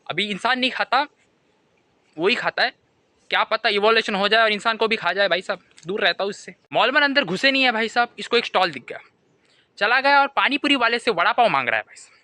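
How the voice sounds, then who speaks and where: A young man, rattling through a comic story in a lively, swooping voice. His tone is bright and sharp, and it sits close and dry on the mic. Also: high-pitched, fast talker, dry recording. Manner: animated storytelling, keeps repeating "bhai sahab". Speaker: comedy vlogger. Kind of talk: stand-up style comic monologue.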